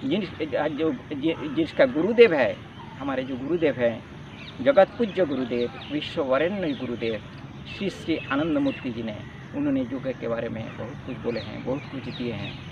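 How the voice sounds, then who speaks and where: A man gives a spoken yoga lesson, earnest and explanatory, repeating key words. His voice is medium in pitch with lively intonation and a moderate pace. He is off-mic, and the dull lo-fi recording carries faint outdoor noise.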